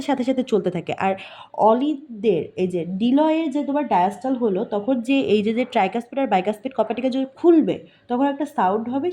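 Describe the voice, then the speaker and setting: Mellow-voiced woman teaching. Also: a little high. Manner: explains step by step, asks questions and answers them herself; frequent "thik ache?" checks, self-corrections. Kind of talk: recorded zoology lecture.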